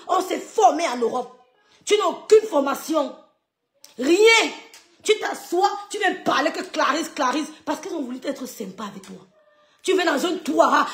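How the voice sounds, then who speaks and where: A woman's voice: extremely high pitch, roomy sound. A woman, ranting on a live stream at online critics in a scornful, mocking way with repeated insults. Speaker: social media live streamer. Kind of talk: heated rant at online critics.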